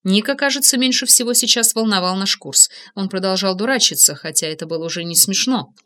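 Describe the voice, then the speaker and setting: Female audiobook narrator, mid pitch, bright forward tone, steady expressive read. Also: brisk. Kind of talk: scripted first-person narration.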